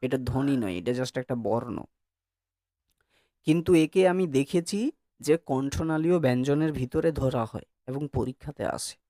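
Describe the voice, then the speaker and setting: A man's voice: medium pitch, unhurried, mellow, dry recording, studio quality. A male teacher giving a classroom lecture who coaxes his students to answer and demonstrates sounds by repeating them.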